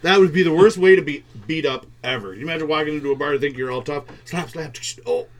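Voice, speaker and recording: Male co-host, slightly higher voice, lively and laughing, noisy room. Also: fast. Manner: animated, laughing retelling. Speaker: podcast co-host. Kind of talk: casual chat over a board game.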